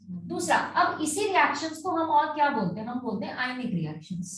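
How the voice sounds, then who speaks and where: A woman's voice: high voice, sing-song, normal speed, a bit bright, slight background noise. A woman teaching chemistry in a classroom lecture, mixing Hindi and English and often stopping to check that her students follow. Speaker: chemistry tutor. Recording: echoey room, mic at a distance.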